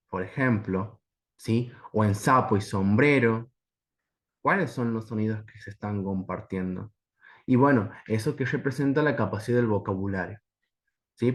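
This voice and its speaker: A man from Argentina giving a teacher-training lecture over slides, explaining step by step and often asking his listeners whether they follow. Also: mid-range voice. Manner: explanatory, keeps checking in with a tag question.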